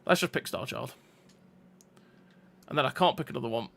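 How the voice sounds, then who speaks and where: A man's voice: mid-range voice, gravelly, pushed and bright. A man giving casual gameplay commentary, chatty and thinking aloud as he plays. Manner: chatty, thinks aloud with restarts and quick reactions.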